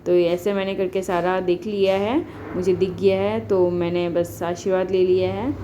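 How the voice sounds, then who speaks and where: Brief: woman in her thirties, homely vlog narrator who explains things step by step, mellow, slightly low voice, dull lo-fi sound. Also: flat delivery, normal speed, a little hiss or hum. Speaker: vlogger. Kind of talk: casual voice-over narration of a family festival vlog.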